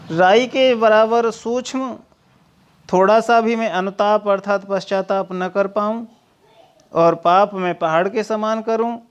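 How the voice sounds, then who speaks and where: A man with a high, smooth voice teaches a poetry lesson at an unhurried pace. He walks through each verse line by line in plain words. The recording sounds dull and lo-fi. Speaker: Hindi literature teacher.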